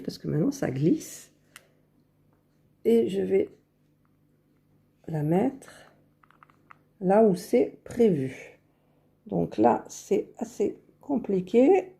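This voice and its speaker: A woman talking her way through a crafting tutorial, unhurried and thinking aloud as she works, correcting herself as she goes, close to her phone. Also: mid-range voice, creaky, mellow, breathy edge. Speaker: crafting vlogger. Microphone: phone held very close to the face.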